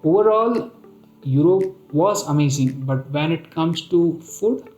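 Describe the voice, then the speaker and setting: A man's voice: fairly high pitch, expressive, takes it slowly, a little mellow. A man with an Indian accent narrating a casual travel vlog in a conversational, storytelling way. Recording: roomy echo, music bed. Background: music.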